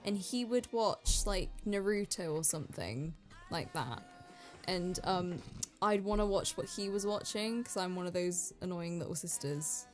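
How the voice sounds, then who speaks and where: Young female podcast co-host, very lively pitch, playful and giggly, light music bed. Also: measured pace. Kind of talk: casual chat.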